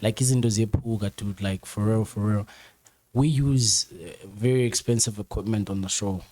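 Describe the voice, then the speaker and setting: A man's voice: on the low side, steady tone, moderate pace, dark tone. A man, a guest on a casual chat show, talking emphatically in slang and often repeating or restarting his phrases. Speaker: guest, camera operator.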